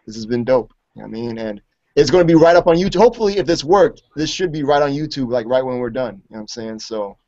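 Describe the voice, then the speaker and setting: Relaxed joking radio host, man. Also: medium pitch, fast talker. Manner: relaxed, joking, says "you know what I'm saying" constantly. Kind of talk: casual radio interview. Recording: dull lo-fi radio recording.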